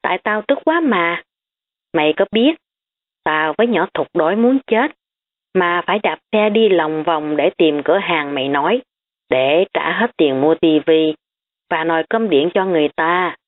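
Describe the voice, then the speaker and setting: Woman reading a blunt, teasing schoolgirl; low voice, phone-like sound. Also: animated, moderate pace, natural voice. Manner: frank and teasing. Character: blunt, teasing, hungry female student. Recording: tinny phone-like audio.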